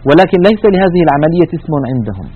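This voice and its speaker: Male tajweed teacher, quick and methodical, slightly high voice, lo-fi sound. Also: sing-song, slightly rough. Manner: methodical, explains with spoken examples. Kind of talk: recorded lecture with slides.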